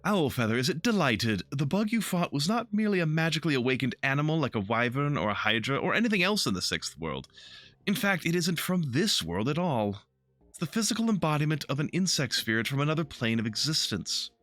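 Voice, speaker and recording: A man's voice: a little high, very animated, fairly quick, a bit bright, dry recording, voice pushed up. A man voicing a theatrical, flamboyant male elf in a video game, speaking in a raised, playful, lecturing tone.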